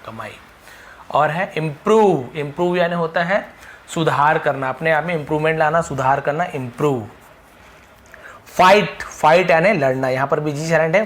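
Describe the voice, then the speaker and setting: A man's voice: fairly high pitch, a bit bright. Man teaching vocabulary with a Hindi accent. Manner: reads word then explains, frequent "okay" checks. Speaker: English teacher. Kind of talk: vocabulary lesson.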